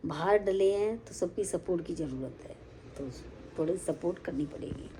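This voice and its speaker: A woman's voice: fairly low pitch, normal speed, noisy background. A middle-aged woman chatting casually to viewers in a home vlog, speaking to them as friends and family. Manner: chatty, addresses viewers as sister and brother. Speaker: home vlogger.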